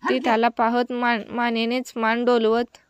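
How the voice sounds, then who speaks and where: Smooth-voiced woman storyteller. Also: a little high, completely flat delivery, measured pace, dry recording. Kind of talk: read-aloud story narration.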